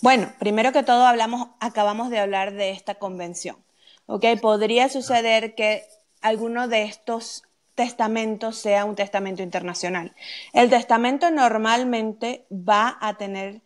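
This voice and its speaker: A woman with a slightly higher-pitched voice talks through legal questions in a methodical, explanatory way. She keeps checking that the listener is following with a quick "ok?". The tone is that of a live question-and-answer chat. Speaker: legal expert on wills.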